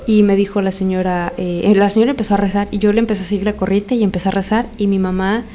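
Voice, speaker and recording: A woman's voice: medium pitch, fairly even intonation, fast, mellow. A young woman, casually telling a personal story on a podcast and acting out what people said with repeated phrases. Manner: retells events with many quoted lines, repeats phrases.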